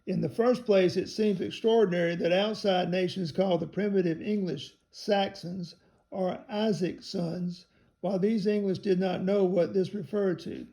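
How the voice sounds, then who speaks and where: Man, reading a book aloud, high voice, mellow dark tone, measured, spells out words. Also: fairly even intonation, creaky. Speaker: reader of a theology text.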